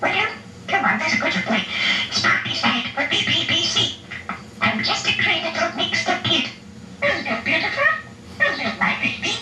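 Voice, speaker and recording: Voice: extremely high pitch, very animated, normal speed, sharp tone, roomy sound, far from the mic, faint music behind. A small pet budgie mimicking human speech in scratchy, squawky parakeet chatter, repeating phrases and nursery rhymes. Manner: chirpy, repetitive chattering mimicry.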